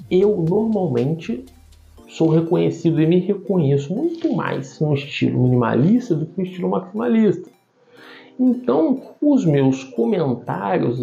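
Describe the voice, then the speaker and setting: Brazilian male online tutor, mellow and creaky, slight tongue-tie, didactic informal delivery over music. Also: a little high. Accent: Brazilian Portuguese. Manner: didactic, enumerating points. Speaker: YouTube writing tutor. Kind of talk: informal explanatory video lesson. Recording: dull lo-fi sound, music behind. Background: background music.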